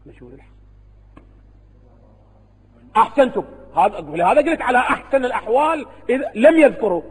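A man's voice: extremely high pitch, big pitch swings, fast talker, slightly rough, big-room sound, low-quality recording. A man with an Iraqi Arabic accent, a religious scholar giving a seminary lecture to students, who keeps posing rhetorical questions and answering them himself.

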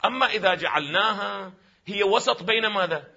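High, bright-voiced Iraqi scholar lecturing. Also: male voice, fairly quick, gravelly, dull audio. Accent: Iraqi Arabic. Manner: poses rhetorical questions and answers them himself; emphatic, at times raises his voice. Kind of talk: lecture on Quranic readings.

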